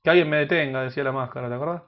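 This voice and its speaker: A man with an Argentine Spanish accent giving crude, joking gameplay commentary that bursts into loud shouts. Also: medium pitch, rapid-fire, muffled recording. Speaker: gaming youtuber.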